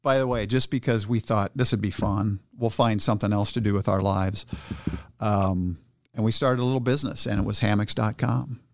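A man's voice: fairly low pitch, normal speed, vocal fry, dry recording, clean studio sound. A man telling a story in casual conversation, animatedly acting out the people he quotes. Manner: animated, acts out quoted voices. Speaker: guest entrepreneur.

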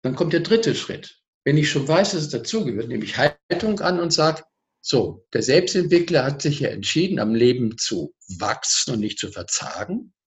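A man, a speaker on personal growth, explaining his ideas as a guest in a TV interview, lively and full of examples. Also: mid-range voice, normal speed.

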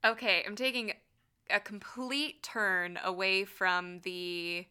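A woman's voice: medium pitch, fairly even intonation, slow pace, pushed and bright, clean tone. A woman co-hosting a casual book chat, amused and giggly as she describes a book. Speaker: podcast co-host.

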